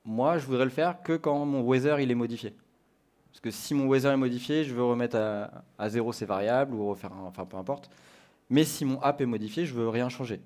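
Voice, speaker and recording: A man's voice: mid-range voice, a little fast, darkish tone. A man from France giving a conference talk and walking the audience through a live coding demo, thinking aloud step by step. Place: conference stage.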